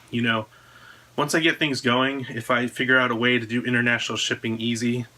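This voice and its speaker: This clip features a mid-range, bright, forceful male voice. He's an American in his thirties, a drone frame designer presenting his own video, casually talking to the camera at home indoors about a product announcement.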